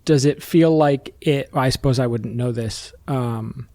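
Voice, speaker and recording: A man's voice: medium pitch, a little slow, dark tone, no room sound. A man chatting casually as a player in a tabletop game.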